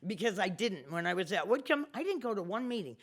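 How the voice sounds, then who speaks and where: A woman's voice: mid-range voice, big pitch swings, fast. A woman in her sixties speaks as a tenant at a public opening. She is openly emotional and passionate, laughing and tearing up between her words. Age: 60s.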